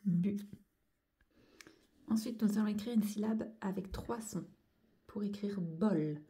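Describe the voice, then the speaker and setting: Her voice sits at medium pitch with a dark tone, and she keeps a moderate pace. As a handwriting teacher, she walks young children through joining cursive letters, patiently covering every stroke and sound step by step.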